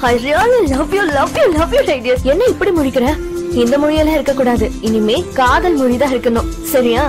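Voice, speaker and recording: Cheeky college girl, high voice that swoops around, music behind. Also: animated, moderate pace. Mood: playful. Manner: bold, playful, teasing. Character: bold young college girl in love. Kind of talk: film dialogue.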